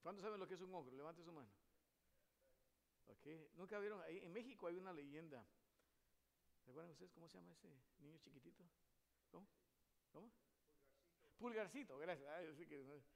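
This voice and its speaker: A male pastor preaching a sermon, asking his congregation questions and moving between loud emphatic lines and quiet hushed ones. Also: a little high, brisk, gravelly, pauses often. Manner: addresses the congregation with frequent rhetorical questions.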